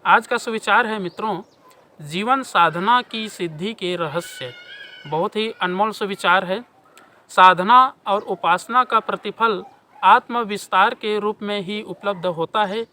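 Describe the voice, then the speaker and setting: Slow, bright-voiced male devotional speaker. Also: high-pitched. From India. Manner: emphatic, declamatory delivery with long lists of reverent epithets. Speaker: spiritual speaker. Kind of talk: devotional sermon with mantra chanting.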